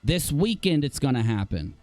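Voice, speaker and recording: A man's voice: medium pitch, very animated, normal speed, darkish tone, dry recording, soft background music. A man hosting a live stream, ranting in exasperated, heated commentary as he reads posts aloud. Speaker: livestream host.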